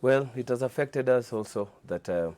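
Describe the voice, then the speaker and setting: A man with a Kenyan accent giving informal interview answers in a hesitant, halting way. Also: medium pitch, a little mellow. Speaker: interview guest, car audio dealer.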